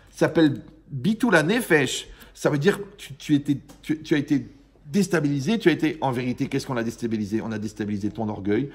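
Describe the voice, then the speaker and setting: A man's voice: medium pitch, breathy edge. A man, a rabbi, giving an informal Torah lesson to a live audience, joking and quizzing his listeners as he goes. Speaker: rabbi teaching a class.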